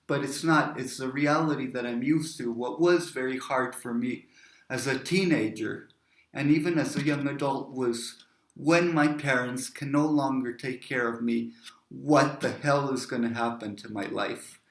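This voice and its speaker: A man's voice: medium pitch, unhurried. Reflective man telling stories, roomy sound. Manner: reflective, wandering into tangents. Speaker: poet and speaker. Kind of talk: personal storytelling talk. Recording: roomy echo.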